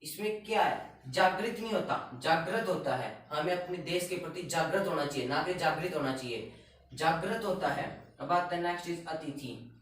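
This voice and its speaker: A man teaching correct spelling in a spoken lesson, asking and answering his own questions and repeating words slowly. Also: high-pitched, recorded from a distance. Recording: echoey room, voice off-mic.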